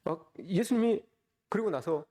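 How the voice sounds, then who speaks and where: A man's voice: high-pitched, animated, normal speed, mellow. A man preaching a Sunday sermon as a pastor, often calling out to the congregation with rhetorical questions. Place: church service.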